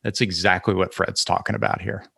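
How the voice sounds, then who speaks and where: Man, low gravelly voice, podcast co-host, friendly, speaks to listeners. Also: level tone, a little fast, sharp tone, no echo, clean studio sound. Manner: friendly, addresses listeners directly. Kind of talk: interview conversation.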